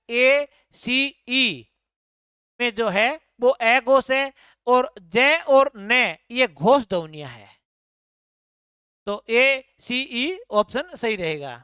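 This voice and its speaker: A woman's voice: a little high, a bit bright, smooth, dry recording, studio quality. A woman exam tutor working through answer-key questions, explaining each one and repeating answers back as questions.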